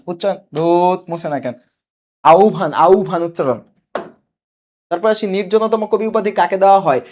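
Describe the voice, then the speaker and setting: A man's voice: sits high, darkish tone. A young man teaching a live online coaching class, quizzing viewers, repeating key answers and reading their comments aloud. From Bangladesh.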